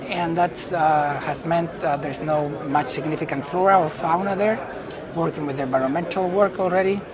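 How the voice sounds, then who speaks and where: At an indoor booth at a trade conference, a middle-aged Chilean executive with a Chilean Spanish accent answers unscripted business interview questions in halting phrases. His voice is fairly high-pitched and captured on a lapel mic, with busy event hall chatter behind.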